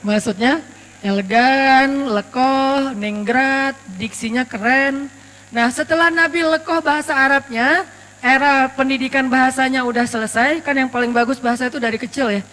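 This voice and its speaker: Chatty preacher guy from aceh, really high voice, echoey hall, some hum. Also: fairly even intonation, moderate pace, sharp tone. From Aceh, Indonesia. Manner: chatty, storytelling, joking asides. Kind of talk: casual sermon. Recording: reverberant hall with mains hum.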